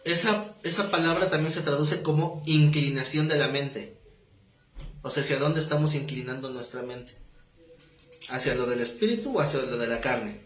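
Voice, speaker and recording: A man's voice: medium pitch, fairly bright tone. Man teaching a Bible class. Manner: conversational, quizzes the class with quick questions. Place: classroom with students. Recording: roomy echoing classroom.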